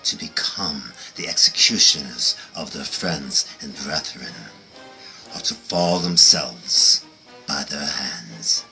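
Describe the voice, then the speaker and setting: A man giving a solemn, theatrical recitation of a historical document in a deliberate manner. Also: very deep voice, sharp tone, soft background music, rough recording. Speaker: horror host.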